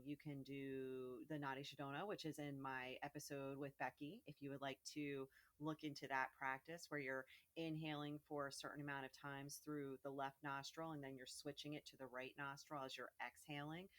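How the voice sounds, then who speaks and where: A young woman yoga teacher, talking gently and casually with frequent ums and soft, trailing endings as she introduces a guided meditation. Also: very deep voice, level tone, moderate pace, few pauses.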